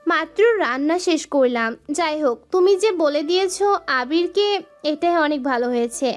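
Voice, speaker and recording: A woman's voice: high voice, lively intonation, normal speed, faint music behind. A woman playing a young wife who explains things and reproaches her sister in an audio drama. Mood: friendly. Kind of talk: Bengali audio love-story drama.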